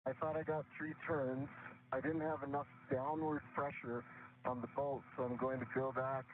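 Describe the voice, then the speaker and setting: Calm astronaut over a tinny radio link. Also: male voice, mid-range voice, normal speed, slight background noise. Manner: calm, methodical, reads back each step. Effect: space radio link, like a sci-fi communicator. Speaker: astronaut on a spacewalk. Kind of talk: procedural radio exchange.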